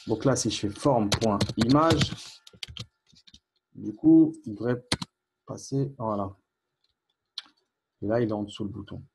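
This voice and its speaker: A man's voice: lowish voice, vocal fry, a little hiss or hum. Casual man teaching code on screen. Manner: relaxed, thinks aloud with fillers and quick asides. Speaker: programming instructor. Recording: faint keyboard clicks behind.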